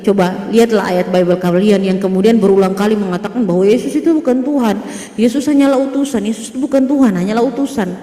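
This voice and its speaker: A woman talking casually to viewers on a religious livestream, mocking and laughing often, speaking into a phone. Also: on the high side. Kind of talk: casual livestream debate talk. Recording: echoey room with long reverb and noise.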